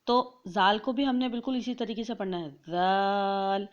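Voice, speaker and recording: Woman teaching pronunciation, dull lo-fi sound. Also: on the high side. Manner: draws out each letter slowly for children to copy. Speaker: Quran reading teacher. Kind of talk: slow instructional pronunciation lesson.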